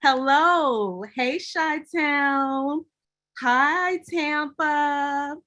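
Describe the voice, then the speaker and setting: A woman's voice: sits high, very slow, bright, forceful tone. A young Southern woman from Alabama hosting a livestream workshop, chatty and upbeat as she greets viewers. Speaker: host of a credit workshop livestream.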